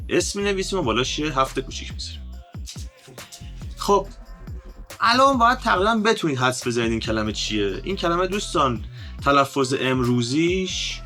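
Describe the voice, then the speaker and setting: Give me a man teaching an online lesson with a bright, crisp voice, drawing out letter sounds for his viewers. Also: medium pitch. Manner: lively explaining, addresses viewers as friends, stretches out letter sounds. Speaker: teacher of an ancient script.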